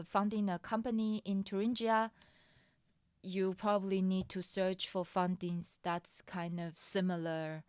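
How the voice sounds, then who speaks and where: A woman who speaks Mandarin as her first language, a streamer, chats candidly in English about getting funding for her startup. She's unhurried, often restarts phrases, and laughs lightly. Her mid-range voice has a darkish, clean tone, captured in clean studio sound without echo.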